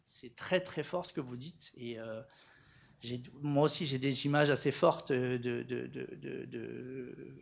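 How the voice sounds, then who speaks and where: Halting, emotional man, gravelly voice. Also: medium pitch, fairly even intonation, lo-fi sound. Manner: halting, emotional, many restarts. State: trembling voice. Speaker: social worker. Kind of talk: audience comment at a conference.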